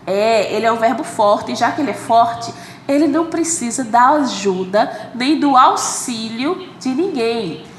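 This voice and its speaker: A high-pitched woman with a Brazilian Portuguese accent teaches a recorded English lesson, explaining slowly and patiently. She checks in with her students after nearly every point. The room is echoey, with a faint hiss underneath. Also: lively intonation.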